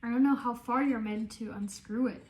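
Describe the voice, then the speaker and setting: A woman's voice: on the high side, moderate pace, a little hiss or hum. Chatty young woman in an echoey kitchen. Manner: chatty, relaxed, explaining as she goes. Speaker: home baking vlogger. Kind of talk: casual step-by-step cooking chat. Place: home kitchen.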